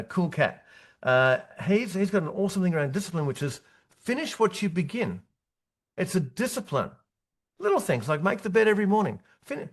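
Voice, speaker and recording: A man's voice: fairly high pitch, fairly bright tone. A man in his fifties giving a punchy motivational presentation as a business coach, talking in short, repeated phrases with frequent "right?" tag questions. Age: 50s.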